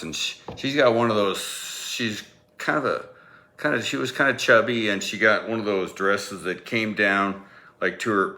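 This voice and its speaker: A man with a very deep voice that still carries a bright, forceful edge tells a personal story from his years as a teacher. He talks casually and rambles, chuckling to himself as he goes. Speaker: former teacher.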